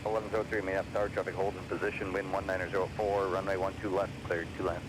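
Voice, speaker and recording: Fast low-voiced controller man on crackly radio. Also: little pitch movement. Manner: terse, procedural phraseology. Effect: crackly aviation radio. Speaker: air traffic tower controller. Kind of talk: clipped radio air traffic instructions. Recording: crackly radio, loud aircraft noise.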